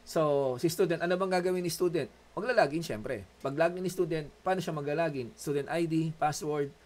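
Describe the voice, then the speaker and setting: A man's voice: on the high side, a little fast, darkish tone. A man with a Filipino accent giving an online class lecture as a college instructor, joking and chatty as he switches between Tagalog and English. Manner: joking, chatty Taglish teaching.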